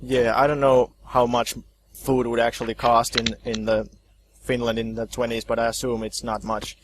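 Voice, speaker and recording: A man's voice: mid-range voice, level tone, normal speed, a little hiss or hum. A man running a tabletop horror game, narrating casually and hesitantly, with many ums and likes. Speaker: game master.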